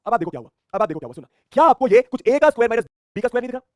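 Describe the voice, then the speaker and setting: A man races through a math lesson, asking questions and answering them himself. His voice sits high for a man. The sound is close and dry, with no room around it. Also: very fast, no echo. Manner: energetic, repeats phrases, asks and answers his own questions. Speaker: math teacher.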